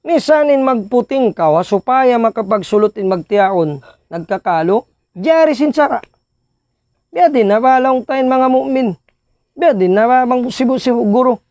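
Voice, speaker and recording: A man delivering an Islamic sermon in a fairly high voice. He slips between languages and calls out listeners by name, and the sound is close and dry, with no room echo. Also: lively intonation, moderate pace, a little mellow. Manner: mixes Tagalog with Bisaya and Arabic phrases, teasing audience members by name. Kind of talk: Islamic lecture.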